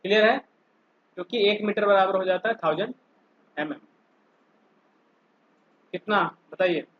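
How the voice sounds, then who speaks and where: A polytechnic lecturer teaches an online engineering class, his high-sitting voice sounding as if the highs were cut off. He moves slowly and stepwise through each stage, keeping students involved by asking them frequent questions.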